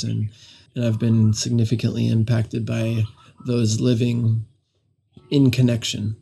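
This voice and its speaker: A man recounts a journey in a slow, unhurried way, pausing to reflect and letting small laughs slip through. His voice has a gravelly texture and a dark, mellow tone. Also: mid-range voice. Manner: thoughtful, unhurried, frequent "you know", soft laughs. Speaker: guest telling a travel story. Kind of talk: casual reflective storytelling.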